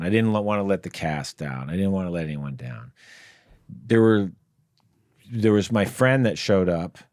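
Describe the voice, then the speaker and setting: Low-voiced man telling rambling stories. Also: dry recording, clean studio sound. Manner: rambling anecdotes with fillers and laughs. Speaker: guest comedian. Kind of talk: casual storytelling. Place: podcast studio.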